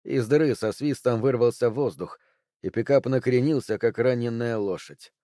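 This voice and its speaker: A man's voice: mid-range voice, normal speed, mellow, no echo, studio quality. Man narrating a tense thriller. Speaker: audiobook narrator.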